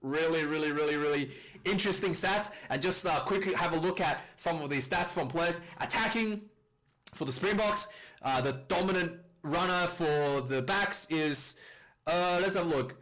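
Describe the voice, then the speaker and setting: Here a man offers casual video commentary on a rugby match, wandering through his thoughts with fillers and false starts. He speaks at normal speed in a somewhat high, slightly bright voice, captured on a clipping, distorted microphone.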